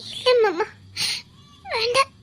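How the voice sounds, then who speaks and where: A woman's voice: extremely high pitch, fairly even intonation, unhurried, sharp tone, heavily acted. A woman playing a tearful young wife who feels betrayed, sobbing and pleading with a Tirunelveli accent. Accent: Tirunelveli Tamil. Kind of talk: web series drama acting.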